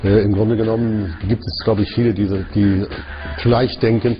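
Low-voiced man reflecting in an interview. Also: little pitch movement, moderate pace. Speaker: interviewee commenting on football. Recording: dull broadcast audio, music behind. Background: music.

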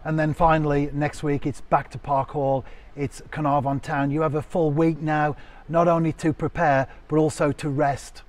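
A man's voice: on the high side, level tone, normal speed, a little mellow. A man interviewing a coach for a club channel, reading formal lead-ins to his questions. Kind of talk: post-match interview questions.

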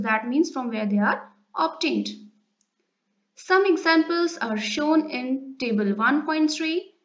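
A woman schoolteacher with an Indian accent reads and explains a lesson to children. She speaks at a slow, deliberate pace in a high voice, often turning statements into questions. The sound is a little dull and lo-fi. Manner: didactic, asking questions of children with tag questions. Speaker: school science teacher. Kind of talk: children's textbook lesson, reading aloud and explaining. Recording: roomy echo, dull lo-fi sound.

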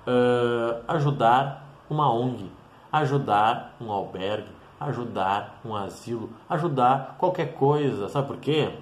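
Brief: male mentor, mid-pitched, blunt and emphatic, direct motivational monologue, roomy echo. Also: takes it slowly. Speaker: mentor and vlogger. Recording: roomy echoey room.

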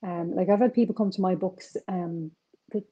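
Speaking from her kitchen with shelves behind her, a woman in her forties, a crime author with a North Side Dublin accent, talks over a video call. Her voice sits lowish and the highs are cut off, while her manner is animated and chatty, full of quick asides.

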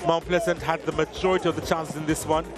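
A man giving measured football commentary over match highlights, reading lineups and stats. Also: flat delivery, loud music behind the voice.

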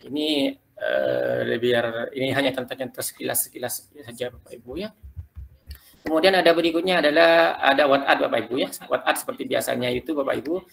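A man leading a quick, loose tutorial for teachers, talking them through slides step by step. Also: mid-range voice, expressive, gravelly, a bit bright. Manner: quick, loose explaining, keeps addressing listeners as "Bapak Ibu". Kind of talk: live screen-share tutorial.

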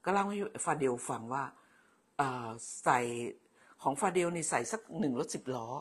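A woman's voice: sits low, expressive, moderate pace, breathy edge. An older woman hosting a casual livestream, chatting in a motherly way, calling viewers "child" and thanking them by name. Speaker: livestream host.

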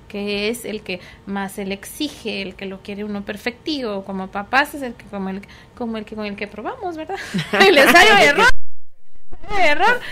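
A woman's voice: fairly high pitch, a bit bright, a little hiss or hum. A middle-aged woman, a psychologist, explaining things patiently in conversation and often checking that her listener agrees. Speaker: psychologist guest.

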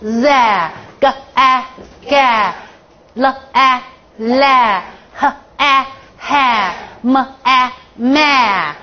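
A woman's voice: sits high, very slow. A woman English teacher leading a classroom phonics lesson, drilling the class with counted chants and playful, teasing questions. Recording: dull lo-fi classroom recording.

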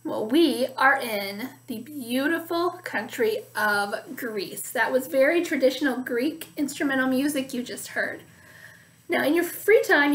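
Captured on a laptop webcam at arm's length, a woman in her thirties leads a music lesson for young children indoors in her dining room. She sings lines for them to echo and talks in a slow, clear teacher's manner, her high-pitched voice fairly bright.

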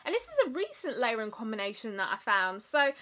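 A woman's voice: a little high, wildly swooping pitch, brisk, sharp tone. A young adult woman, chatting playfully to camera about perfume, with dramatic asides and sudden whispers. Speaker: perfume vlogger. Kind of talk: casual chatty review to camera.

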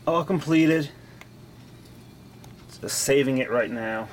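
Faint music plays behind a man who narrates a hands-on demo slowly and matter-of-factly in a mid-range voice. He's a hobbyist vlogger in a dim room at home, holding the camera himself, and its mic gives clearly noisy sound.

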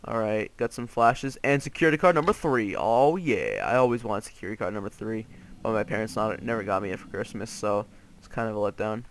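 A man's voice: fairly low pitch, expressive, fairly quick, a little hiss or hum. A young man playing a horror game and commenting as he goes, joking and yelping in panic at the scares. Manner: jokey, jumpy, yelps and panics at scares. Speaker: gamer playing a horror map. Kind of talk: let's play commentary.

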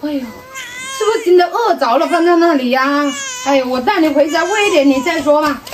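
A woman's voice: sits high, animated, a little fast, far from the mic, background noise. Woman playing a kind foster mother. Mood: soothing. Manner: soothing, fussing. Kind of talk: rural skit acting.

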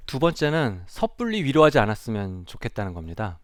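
A man's voice: mid-range voice, wildly swooping pitch, brisk, no room sound. Male psychiatrist giving a stage talk, storyteller type, asks the audience questions, mid-range voice, dry close sound. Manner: storytelling, acts out quoted speech in a raised voice; addresses the audience directly with questions. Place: lecture stage before an audience.

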